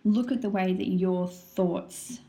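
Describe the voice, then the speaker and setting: A woman's voice: mid-range voice, slow pace, warm tone. A woman chatting casually and explaining things in an informal way, as a wellness course presenter. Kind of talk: casual chat.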